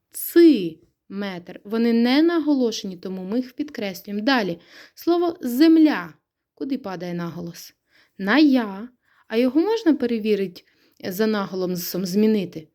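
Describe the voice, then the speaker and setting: A patient woman teacher with a Ukrainian accent talks a young class through a recorded lesson. Her voice is mellow and soft-edged, and she stretches words out to show where the stress falls, asking questions and then answering them herself. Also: mid-range voice. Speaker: primary school teacher.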